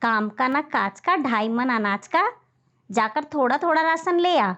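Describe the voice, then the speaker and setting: A woman's voice: sits high, animated, a little slow, a bit bright. A woman voicing a bossy, cruel crow stepmother in a children's cartoon story, scolding and threatening like a wicked stepmother. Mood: harsh, threatening. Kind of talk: animated children's story voice acting. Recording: dull lo-fi audio.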